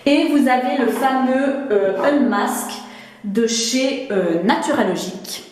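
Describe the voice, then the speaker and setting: A woman's voice: high-pitched, takes it slowly, a little mellow. A woman with a Swiss French accent chatting casually about her skincare masks, with lots of fillers and restarts. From Switzerland. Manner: chatty, many fillers and restarts, laughs often. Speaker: beauty vlogger. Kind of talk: casual product chat. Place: home bathroom. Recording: echoey room.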